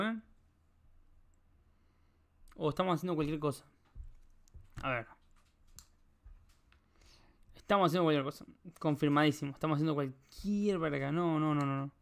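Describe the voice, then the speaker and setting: A young man with a Rioplatense Spanish accent, chatting casually on a live stream while he solves a puzzle, rambling, joking and swearing. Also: on the high side. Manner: rambling, joking, swears a lot, talks to chat.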